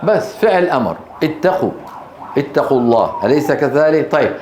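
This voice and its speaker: A man's voice: fairly high pitch, very animated, a little fast, darkish tone. A male Quran teacher, giving a classroom lesson and often prompting the class with short questions while drawing out recited words. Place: classroom, Grozny. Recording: echoey room, faint background hiss.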